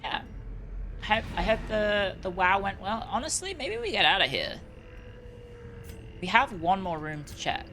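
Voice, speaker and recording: A woman's voice: medium pitch, very animated, moderate pace, pauses often, a bit bright, a little hiss or hum. A woman doing casual live stream commentary on a game, chatty and reacting aloud with exclamations. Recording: music behind the voice. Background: game music.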